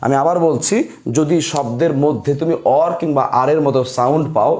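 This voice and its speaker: A man's voice: on the high side, brisk, a little mellow. A man teaching an online grammar lesson, repeating each point and quizzing his students.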